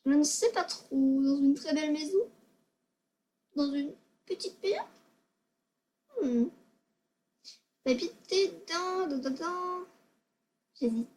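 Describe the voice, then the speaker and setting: A woman's voice: high voice, takes it slowly, long pauses, a little mellow. A female gaming video maker giving casual tutorial commentary, hesitant and self-conscious, often stammering and repeating words.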